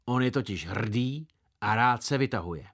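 A man reads a story aloud with playful, lively storytelling. His intonation climbs and dips expressively throughout. His voice sits at an ordinary middle pitch. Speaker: narrator. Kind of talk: audiobook reading.

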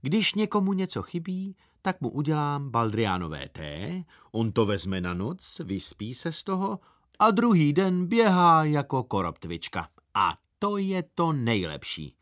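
A man voicing a stingy, nagging middle-aged aunt in a very thin, high, scolding voice for a storybook reading. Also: huge pitch swings, a bit bright, no echo, clean studio sound. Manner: scolding and preachy.

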